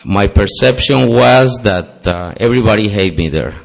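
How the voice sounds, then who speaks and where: A man's voice: fairly low pitch, animated, moderate pace, creaky. A man from Costa Rica with a Costa Rican Spanish accent and Spanish as his first language, giving an earnest personal testimony at a recovery meeting with self-deprecating humor. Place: meeting hall.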